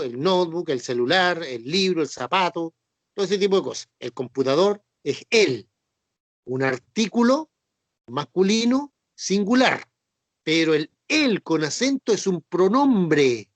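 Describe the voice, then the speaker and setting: A man delivers a Bible teaching sermon in a high voice. He repeats his points patiently and keeps asking if the listeners follow. The sound is dry and close, with no room echo. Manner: repetitive, checks understanding with tag questions. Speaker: preacher.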